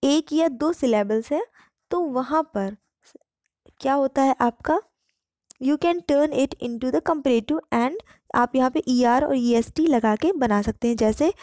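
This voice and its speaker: A woman teaching English grammar in Hindi. She reads the English example sentences slowly and clearly. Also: high voice, dark tone, dry recording, clean studio sound. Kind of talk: online grammar lesson.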